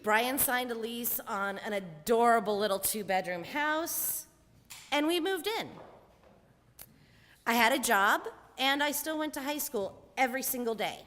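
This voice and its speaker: A woman's voice: a little high, expressive, unhurried, fairly bright tone, big-room sound. A woman in her forties telling a candid, wryly humorous personal story on stage.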